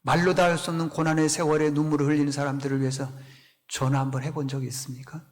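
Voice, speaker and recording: A man's voice: a little high, level tone, fast. A male pastor preaching a sermon, telling the story with animation and asking his congregation questions. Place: church sanctuary. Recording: long reverb in church hall.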